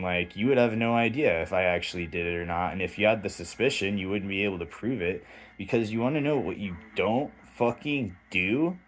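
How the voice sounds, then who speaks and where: Low-voiced man in a heated, profane rant. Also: low-quality recording. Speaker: vlogger. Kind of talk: direct-to-camera monologue.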